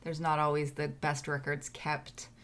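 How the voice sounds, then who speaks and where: A woman's voice: low-pitched, flat delivery, unhurried, fairly bright tone. A woman guest on a podcast, thinking aloud about old records and what might have happened. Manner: thoughtful, speculating aloud. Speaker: history tour guest. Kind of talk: casual podcast chat.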